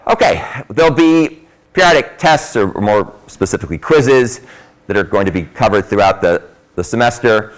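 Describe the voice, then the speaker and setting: A man's voice: fairly low pitch, expressive, moderate pace. A man giving an informal, explanatory university lecture in a classroom, his voice muffled by a face mask, with emphatic stresses.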